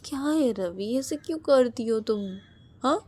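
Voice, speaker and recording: A woman's voice: sits high, animated, a little slow, a little mellow, pitched above the performer's own voice. Affectionate comforting young man, voiced by a woman. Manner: comforting, teasing.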